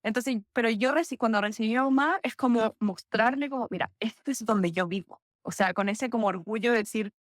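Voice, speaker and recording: On the high side and fairly quick, this young Chilean woman talks with hardly any pauses while guesting on a casual podcast. She's a physiotherapist with a Chilean Spanish accent who tells lively stories, laughing and correcting herself, in a dry, studio-quality recording.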